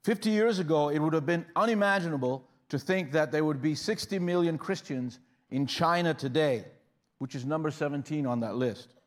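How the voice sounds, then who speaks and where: A Ugandan guest preacher delivers a conversational sermon, often restarting phrases and rising in bursts of emphasis. His voice is fairly high, at a moderate pace.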